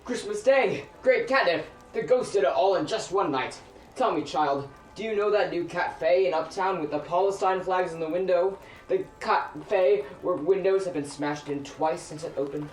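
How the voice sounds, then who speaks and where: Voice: mid-range voice, normal speed, close to an everyday voice. An actor playing a melodramatic, miserly male cat Scrooge in a holiday radio play, pleading and exclaiming. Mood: overjoyed. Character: theatrical miserly male cat Scrooge, fearful then joyfully repentant. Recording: roomy, distant mic, faint noise.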